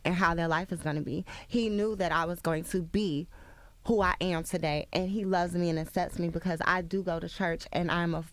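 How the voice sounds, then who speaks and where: A young woman speaks as a guest in a radio studio, her voice sitting a bit low. She hesitates, restarts and backtracks defensively. The sound is close and dry. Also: steady tone, brisk, no echo. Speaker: interview guest. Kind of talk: radio interview.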